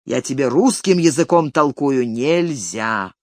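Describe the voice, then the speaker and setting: A reader voicing a stern, impatient male estate manager who scolds curtly in a lowered voice. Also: lively intonation, unhurried, no echo, studio quality, natural voice. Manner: curt, severe scolding. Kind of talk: audiobook character reading.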